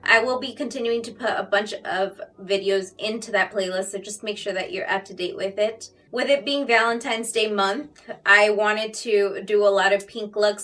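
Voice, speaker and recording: A woman's voice: mid-range voice, a bit bright, far from the mic. A woman beauty vlogger chatting casually and directly to her viewers about makeup. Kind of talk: casual makeup vlog talk.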